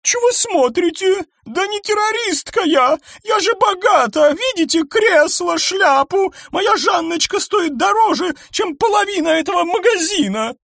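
A man voicing a shrill, hysterical wealthy woman who screeches and hurls insults. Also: animated, unhurried, vocal fry, hardly any pauses, fairly bright tone, no echo, studio quality, exaggerated voice. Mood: indignant. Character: shrill hysterical rich old female alien fraud.

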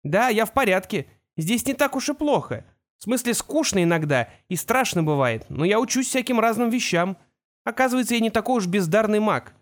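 A man's voice: expressive, a little fast. A man voicing an earnest teenage wizard boy. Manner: earnest, pleading, raised higher voice. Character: anxious, defiant teenage boy apprentice wizard. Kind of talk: audiobook character voice.

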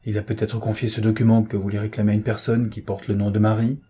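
A man voicing a rough gamekeeper who speaks deferentially and hesitantly in an audiobook reading. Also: on the low side, monotone, fast, dark tone. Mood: uneasy deferential.

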